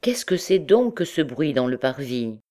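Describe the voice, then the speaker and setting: Un jeune capitaine beau parleur et fuyant, joué par une femme, qui répond d'un ton désinvolte. La voix est à peine plus grave et plus lente que celle de la lectrice, dans un livre audio. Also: female voice, extremely low pitch, very animated, unhurried, a little mellow, full character voice. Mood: evasive. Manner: offhand, evasive. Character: young male army captain, evasive and glib.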